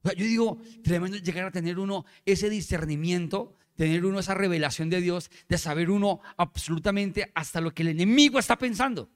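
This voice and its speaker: A male pastor preaching a sermon in a lively, playful way, often asking the congregation questions. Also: high-pitched, fairly quick, hardly any pauses.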